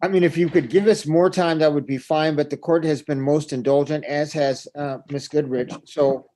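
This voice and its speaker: A man's voice: a little high, steady tone, moderate pace, mellow. A man working as an attorney, arguing formally and deferentially before a judge in court. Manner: formal and deferential, repeating "Your Honor". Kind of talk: courtroom argument.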